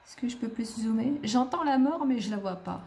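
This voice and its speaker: A woman's voice: fairly high pitch, expressive, a little fast, mellow. A woman giving casual let's-play commentary, chatting to the characters on screen as she plays. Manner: chatty, talks to the game characters. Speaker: gaming video creator.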